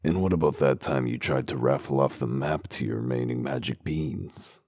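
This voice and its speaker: Very deep, gravelly wolf detective. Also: male voice, normal speed, darkish tone, no echo, heavily acted. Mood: sardonic, stern. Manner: dry, sardonic, interrogating. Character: gruff, world-weary wolf detective in human form. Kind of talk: comic dub detective drama acting.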